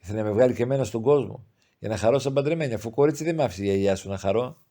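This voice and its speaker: A man's voice: medium pitch, warm tone, close to an everyday voice. A man voicing a grieving, pious older village mother who speaks in plaintive, heartfelt pleas. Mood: reminiscing.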